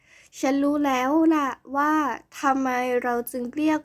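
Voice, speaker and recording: Woman reading a proud schoolboy lecturing slowly. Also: high voice, flat delivery. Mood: boastful. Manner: slow, measured, grown-up delivery.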